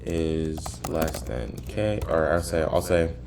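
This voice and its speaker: A man thinking aloud in a casual coding vlog, halting and muttering to himself as he drifts into tangents, sounding far from the mic in an echoey apartment. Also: a bass voice. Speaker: programmer recording himself working. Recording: far-off echoey room, clearly noisy.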